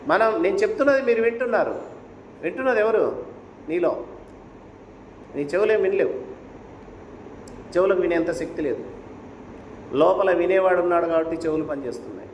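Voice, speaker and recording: High-voiced man preaching in an echoey hall. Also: a little hiss or hum. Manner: rhetorical questions, urging and preachy. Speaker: spiritual speaker. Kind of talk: devotional discourse and storytelling. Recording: echoey hall with faint ambience.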